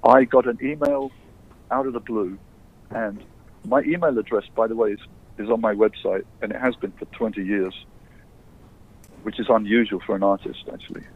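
Husky man from England over a phone line. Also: fairly low pitch, moderate pace, long pauses. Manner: relaxed, plain storytelling. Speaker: guest musician. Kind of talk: casual interview chat.

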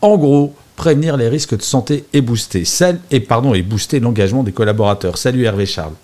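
A man's voice: mid-range voice, fairly quick, darkish tone. A man hosting a live show, chatty and self-mocking, often correcting himself mid-sentence. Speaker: host.

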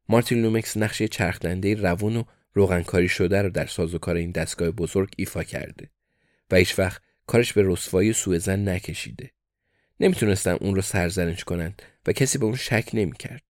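Brief: male audiobook narrator, low voice, deadpan delivery, dry close sound. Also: dry recording.

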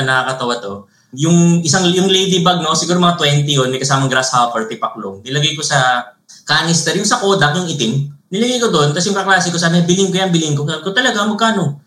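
A man with a Filipino accent, a podcast guest who tells lively stories and keeps tagging his phrases with a questioning "no?". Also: fairly high pitch. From Philippines. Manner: animated storyteller, mixes Tagalog and English, tags phrases with "no?". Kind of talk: casual interview storytelling. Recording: roomy echo.

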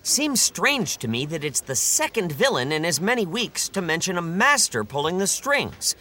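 A man's voice: high-pitched, very animated, normal speed, sharp tone, full character voice. A man voicing an earnest office coworker who talks in a stiff, formal way.

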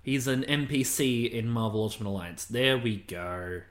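A man's voice: medium pitch, moderate pace, fairly bright tone. A man speaks casually as a podcast co-host, and his voice rings in an echoey room. He makes blunt, dry remarks and rattles off lists in a matter-of-fact way. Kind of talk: casual chat about games and films.

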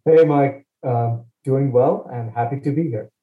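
A middle-aged man from India speaking as a guest in an interview, relaxed and joking, with many fillers. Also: mid-range voice, unhurried, phone-quality sound. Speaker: guest, asset manager. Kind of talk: casual interview talk. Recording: echoey room.

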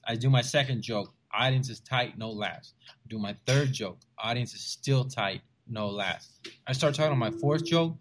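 At medium pitch and a moderate pace, a stand-up comedian from the Rio Grande Valley of Texas tells stories as a guest in a casual interview. He's animated throughout, slipping into the voices of the people he quotes.

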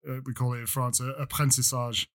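A man's voice: mid-range voice, level tone, a little fast, a bit bright. A British man co-hosting a podcast in casual chat, rambling with many fillers and restarts. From Britain. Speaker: podcast co-host. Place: lives in France.

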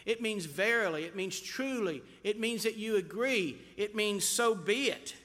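A man preaching a sermon as pastor, slow and emphatic, drawing out key words. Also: sits high, a bit bright, big-room sound.

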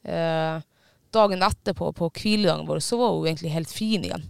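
Casually chatting, a man with a high voice swears here and there and stops on fillers as his story unfolds. Under his clear, smooth tone is a gravelly fry. The recording sounds close and dry, with no room sound at all.

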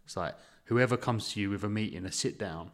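Low-voiced male co-host, rambling storyteller, casual podcast chat. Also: brisk. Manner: rambling retelling with fillers.

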